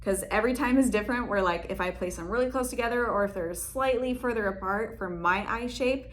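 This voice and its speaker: A woman's voice: mid-range voice, brisk. Young woman, casual tutorial host, chatty and giggly. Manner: chatty, laughs often, many fillers. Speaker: beauty vlogger. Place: room in her salon.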